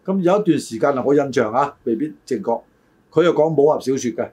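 Fast and expressive, with a medium pitch and a mellow, husky quality, this older man's voice carries a casual chat he co-hosts. He reminisces hesitantly, circling around his points and hedging what he remembers.

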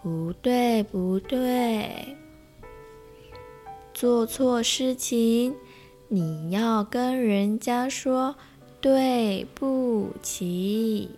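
A woman voicing a small, prim rabbit in a children's storybook, correcting slowly and firmly. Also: on the high side, dark tone, soft background music. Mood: scolding. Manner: slow corrective scolding.

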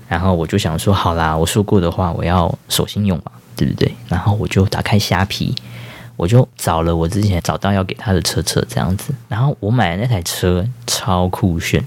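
A man's voice: sits low, darkish tone. A man, hosting a podcast and telling a casual, rambling story full of fillers and self-corrections. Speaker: podcast host.

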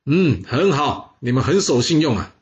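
A man's voice: medium pitch, lively intonation, brisk, highs cut off, close to an everyday voice. A man voicing a gullible, self-assured king in a storytelling recording, talking in a leisurely, indulgent way. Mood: self-satisfied.

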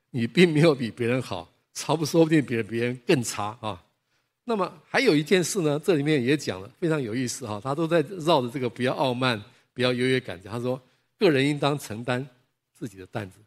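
Animated preacher. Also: male voice, mid-range voice. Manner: lively storyteller who acts out dialogues and chuckles. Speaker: pastor. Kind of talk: sermon with personal stories.

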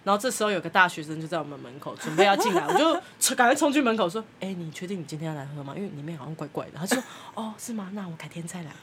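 A woman's voice: on the low side, animated, racing, hardly any pauses, slight background noise. A woman podcast host, telling a story in casual chat and acting out the people she quotes, with frequent laughter.

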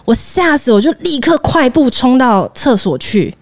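A woman with a Taiwanese Mandarin accent hosting a podcast, telling a personal story in an animated way and acting out what people said. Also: sits high, normal speed, no room sound, clean studio sound. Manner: animated storyteller, acts out quoted speech. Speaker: podcast host.

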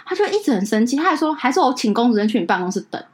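Her voice fairly high and very animated, this Taiwanese-accented podcast host races through an indignant anecdote in a relaxed chat, voicing the quoted lines dramatically.

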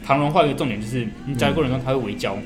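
Man, Taiwanese accent, rapid casual explainer, blunt slangy wording, repeats himself, music behind. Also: mid-range voice. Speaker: podcast speaker explaining a recipe. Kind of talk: casual chat, explaining step by step. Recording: music playing behind the talk.

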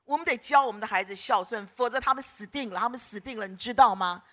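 A woman's voice: on the high side, quick pace, fairly bright tone. A middle-aged woman preacher delivering an emphatic sermon, repeating phrases in rhythmic lists.

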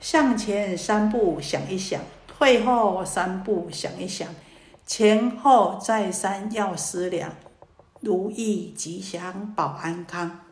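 A woman voicing a shrewd old male monk who sells a verse, coaxing and then chanting it slowly. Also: lowish voice, animated, lightly acted. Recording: roomy echo.

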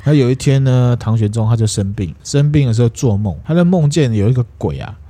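A man's voice: mid-range voice, expressive, a little fast, dark tone, husky. A man co-hosting a podcast, retelling history in a chatty way and drawing out his sentence particles. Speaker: podcast co-host. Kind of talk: casual storytelling.

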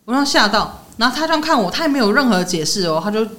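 A young woman, co-hosting a podcast and telling stories in a lively way, laughing often. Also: fairly high pitch, very fast. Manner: animated storyteller, laughs often. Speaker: podcast co-host. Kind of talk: casual chat.

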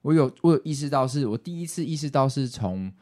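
A man, co-hosting a casual podcast chat and telling animated stories. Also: medium pitch, quick pace. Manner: animated storyteller, mimics others. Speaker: podcast co-host.

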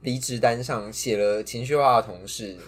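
A woman, co-hosting a podcast in casual chat, blunt and teasing. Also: rumbling low. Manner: blunt, teasing, quick to judge. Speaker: podcast co-host.

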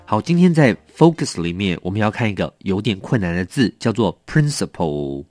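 A middle-aged man teaching English vocabulary. He reads each word slowly and carefully, then speeds up when he adds warnings and asides. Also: fairly low pitch, sing-song, a little mellow, soft background music. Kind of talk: explaining a word list.

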